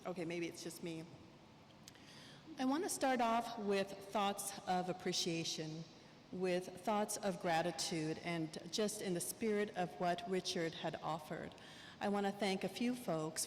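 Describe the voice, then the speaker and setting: Lao-accented woman speaking in a large hall. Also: lowish voice. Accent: southern Lao. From Laos. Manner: warm, chatty and self-deprecating. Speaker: keynote speaker. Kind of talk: conference keynote speech. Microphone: handheld microphone. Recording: echoey hall with faint room noise.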